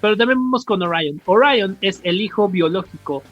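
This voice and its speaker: Lively in intonation and high in pitch, a male podcast co-host with a Mexican accent chats loosely about comics lore, full of slang and stop-start corrections. The lo-fi recording has no room sound and faint music underneath.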